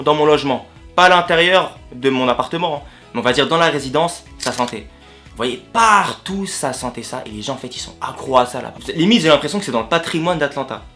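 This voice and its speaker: Fast-talking French man, slangy vlog chat. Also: mid-range voice, fairly bright tone. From France. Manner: slangy, repeats and rephrases himself. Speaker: vlogger. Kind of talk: casual storytelling vlog. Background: faint guitar music.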